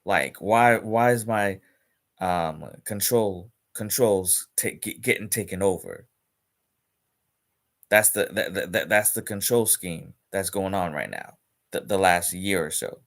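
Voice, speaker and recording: A man's voice: low voice, takes it slowly, vocal fry. A man streaming live in a casual, rambling rant about a mobile game, repeating himself and restarting his sentences, with hiccups. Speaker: gaming streamer.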